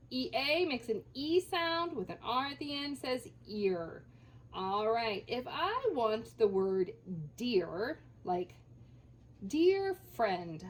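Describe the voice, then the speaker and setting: A woman teacher leading a children's phonics lesson, sounding out letters slowly and encouragingly. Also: on the high side.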